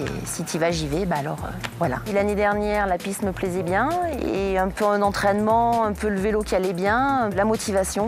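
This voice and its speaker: A woman from the Barcelonnette valley, an amateur downhill racer and mountain bike guide, chatting casually in an interview. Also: medium pitch. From France, Barcelonnette valley. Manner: relaxed, chatty, uses informal "tu". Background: music.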